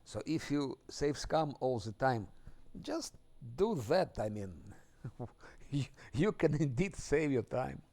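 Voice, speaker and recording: Slow-talking male streamer chatting casually. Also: mid-range voice, big pitch swings, dark tone. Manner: unhurried, thinking aloud, chuckles often. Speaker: game streamer. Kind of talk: casual live-stream chat while playing.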